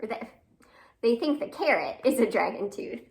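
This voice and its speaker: A library storytime host, a woman with a fairly high voice and lively intonation, reads aloud to young children at a moderate pace. Her animated read-aloud opens with a sung greeting and is full of exclamations and questions for her listeners.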